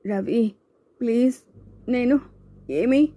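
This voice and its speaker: A woman's voice: fairly high pitch, extremely slow, warm tone, dry recording, voice pushed up. A woman voicing a bullied young male student who pleads in a tearful, distraught way, in an audiobook. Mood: pleading. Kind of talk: audiobook character voice.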